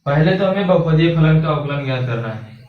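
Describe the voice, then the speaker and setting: A male teacher giving a classroom math lesson, asking his students questions and repeating their answers, spelling out notation slowly. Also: a little high, animated. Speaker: subject teacher. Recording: echoey room from far off, dull lo-fi.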